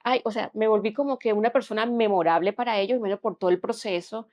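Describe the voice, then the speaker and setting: A young woman giving an earnest personal testimony as a podcast guest, often dropping to a hushed tone. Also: mid-range voice, steady tone, quick pace.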